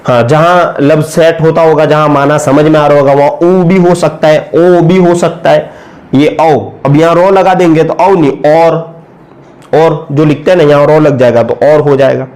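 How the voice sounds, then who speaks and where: Man, somewhat high voice, patient teacher, slow spelled-out sounds, frequent check-ins. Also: steady tone, darkish tone. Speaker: Urdu writing teacher. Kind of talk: step-by-step spoken lesson.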